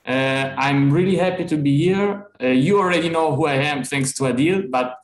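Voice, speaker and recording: A man's voice: fairly high pitch, normal speed, reverberant, rough recording. A man speaking on an online panel, presenting in a friendly, self-deprecating way. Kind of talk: casual presentation. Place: video call.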